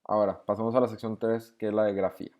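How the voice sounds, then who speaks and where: Calm man explaining step by step. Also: fairly low pitch, fast talker, lo-fi sound. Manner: patient, step-by-step explaining, reads exercise sentences aloud. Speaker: teacher explaining exercises. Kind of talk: screen-recorded lesson walkthrough.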